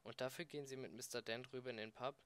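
A man's voice: medium pitch, steady tone, fast talker, fairly bright tone, clean tone, lightly acted. Man doing a flustered, fussy council official. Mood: bewildered. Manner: bewildered and hesitant.

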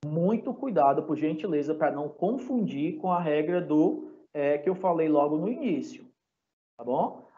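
A Brazilian man teaches an English grammar lesson at a very slow, deliberate pace, his voice sitting a little high for a man. He spells out letters one by one and keeps checking that his students are following. The recording is dull and lo-fi. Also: warm tone. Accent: Brazilian Portuguese. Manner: patient, checks in constantly with "tá?" and "certo?". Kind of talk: recorded online class lesson. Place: classroom or home for a live online class.

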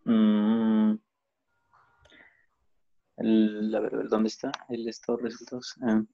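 A man's voice: lowish voice, monotone, slow pace, creaky, faint music behind. A man answering a teacher's questions as a student, hesitant and searching for his words. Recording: dull lo-fi line.

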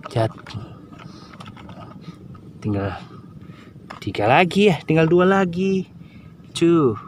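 A man's voice: fairly high pitch, a little hiss or hum. A man hosting a children's toy video. He narrates toy play for a child, counts aloud, quizzes the child and exclaims often. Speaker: children's toy channel host.

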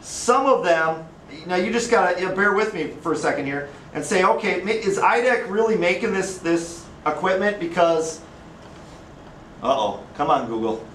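A man's voice: high-pitched, expressive, normal speed, a bit bright, slight background noise. A man with an Upper Midwest American accent teaching a classroom lecture, chatty and casual, often asking the class questions. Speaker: instructor. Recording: echoey classroom from far off.

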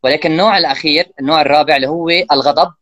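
A man's voice: on the high side, no echo, muffled recording. A man, a parenting guest in an interview, explaining at speed and acting out what parents and children say. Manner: fast, animated, acts out parent and child lines. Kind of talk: casual explanatory interview talk.

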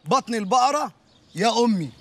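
A man's voice: very high-pitched, lively intonation, moderate pace, a bit bright, heavily acted. An actor with an Egyptian accent playing a bragging young man who dreams of becoming a singer. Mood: boastful. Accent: Egyptian Arabic. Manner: bragging, rambling.

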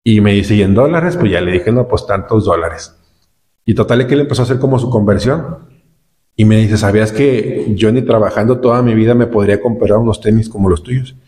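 With a northern Mexican accent, a Nuevo León vlogger casually rambles about his travels, filling the talk with repeated words and fillers. His voice is lowish and dark, a little fast.

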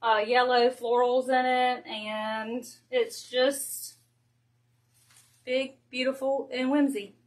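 A chatty woman with a Georgia Southern accent talks casually through a home crafting livestream. Her voice sits a little high and she gushes freely, laughing easily. It sounds like a phone mic in a craft room. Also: little pitch movement. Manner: chatty, gushing, quick to laugh. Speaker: wreath-making host.

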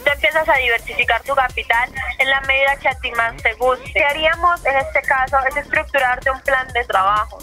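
A woman with a Colombian accent making a persuasive, reassuring sales pitch as an account manager over the phone. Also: a little fast, hardly any pauses, bright, forceful tone, soft background music. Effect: heard over a phone call. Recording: phone call played on speakerphone.

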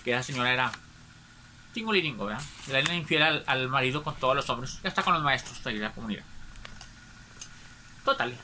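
A man's voice: medium pitch, expressive, fast, pauses often, noisy background. Chatty Mexican man telling gossip. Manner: chatty, tags nearly every phrase with a questioning aside. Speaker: storyteller. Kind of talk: casual gossipy anecdote.

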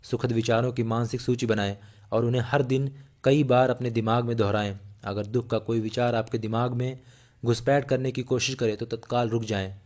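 Male narrator, mid-pitched, steady earnest audiobook read with the odd slip. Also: normal speed. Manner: steady, earnest reading with small slips and restarts.

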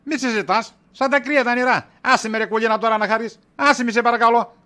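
With a steady tone that's high-pitched and bright, a man performs a worn-out, middle-aged shopkeeper husband for a comic scene. The evasive character stays exasperated throughout, dodging accusations through sarcasm and wisecracks.

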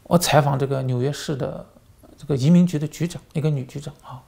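A man's voice: fairly high pitch, fairly even intonation, fast talker, creaky, darkish tone. A man hosting a commentary channel, telling stories animatedly with lots of fillers and repeated words. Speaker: channel host and former journalist. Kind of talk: political commentary monologue.

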